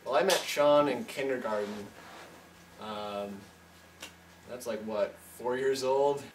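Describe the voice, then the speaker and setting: A man's voice: medium pitch, takes it slowly, echoey room, far from the mic, slight background noise, poor audio. A man in his twenties plainly introducing himself as a college student. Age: 20s. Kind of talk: casual self-introduction.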